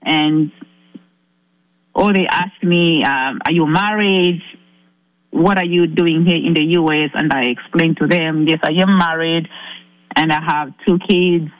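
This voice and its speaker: Caller from Zambia, a woman telling her ordeal in earnest halting bursts, dull dry line. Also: deep voice, steady tone, no echo. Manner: earnest, halting, many restarts. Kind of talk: recounting a personal ordeal on a call-in show.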